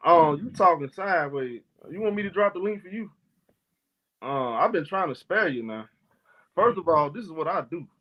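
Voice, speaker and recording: Male live-stream host, brash and slangy, a bit high-pitched, lo-fi sound. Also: lively intonation, normal speed. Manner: loose, argumentative, slangy, talks back to chat. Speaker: sports talk stream host. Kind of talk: casual live-stream chat.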